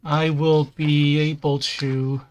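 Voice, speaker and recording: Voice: medium pitch, little pitch movement, takes it slowly, clean tone. A host chatting casually on a livestream while building a model kit, easygoing, with dry self-deprecating humor.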